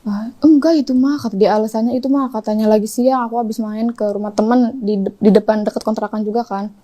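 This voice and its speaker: A woman's voice: little pitch movement, quick pace, mellow. A young woman telling her personal story in an interview, acting out the lines of the people involved. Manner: quotes dialogue animatedly, rising pitch when reenacting. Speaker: interview guest. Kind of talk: emotional personal confession.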